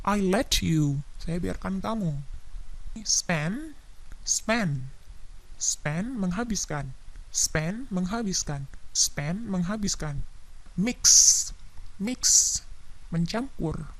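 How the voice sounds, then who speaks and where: Female language teacher, slow repetitive drill delivery, lowish voice. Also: animated. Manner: slow, repetitive drilling, stresses plosive sounds. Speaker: English teacher. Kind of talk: vocabulary drill lesson.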